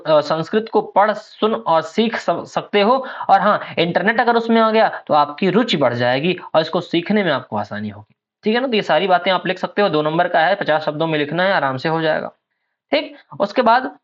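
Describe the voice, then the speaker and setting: A man teaching an exam prep lesson, explaining patiently and checking in with his students after nearly every point. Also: high-pitched. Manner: explains patiently, keeps asking "ठीक है ना". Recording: dull lo-fi recording.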